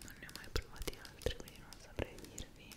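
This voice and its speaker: Girl in her 20s whispering asmr, super hushed, rambly chat right up at the mic. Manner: hushed whisper, speaking very softly; unhurried, rambling, searching for words. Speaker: ASMR creator. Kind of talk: whispered ASMR chat about personal routine. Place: small indoor room. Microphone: two close side microphones in front.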